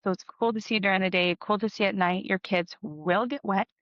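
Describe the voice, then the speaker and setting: A woman's voice: medium pitch, steady tone, fairly quick, no echo. A woman in her thirties, a podcast co-host, chatting casually and giving practical tips with frequent ums. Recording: dull dry podcast audio.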